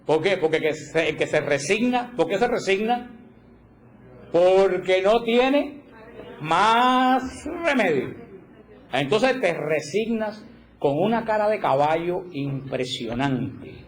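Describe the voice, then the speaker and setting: A man giving a religious teaching talk, animated, acting out little quoted voices and repeating points for emphasis. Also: fairly high pitch, measured pace. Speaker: catechism teacher.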